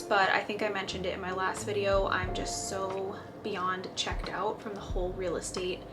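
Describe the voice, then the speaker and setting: A woman in her thirties talking candidly about home cleaning in a casual vlog voice-over, a little weary. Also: medium pitch.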